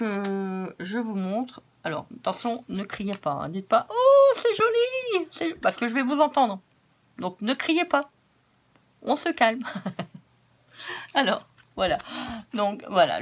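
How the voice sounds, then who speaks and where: Hoarse french-speaking lady showing off her craft haul, chatty, says stuff twice, mid voice. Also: mid-range voice. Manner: chatty, repeats words for emphasis. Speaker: craft vlogger. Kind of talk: casual product haul.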